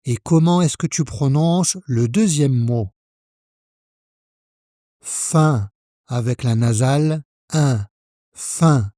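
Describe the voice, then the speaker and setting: A man from France teaching French pronunciation, speaking slowly and carefully, spelling out each sound for the learner. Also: a little high, mellow, no room sound, clean studio sound. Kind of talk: pronunciation lesson.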